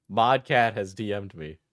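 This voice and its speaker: A man's voice: on the low side, animated, takes it slowly, a bit bright, dry recording. Dry-sounding man rambling on a live stream. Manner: sweary, rambling. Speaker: streamer reacting to videos. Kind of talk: casual live stream commentary.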